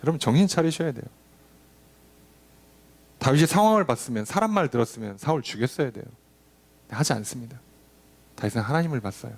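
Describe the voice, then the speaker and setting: A male pastor delivering a sermon, urging and questioning the congregation, now and then dropping to a low aside or acting out a quoted line. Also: quick pace, pauses often. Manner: animated preaching, drops to a low murmur for emphasis, acts out quoted lines.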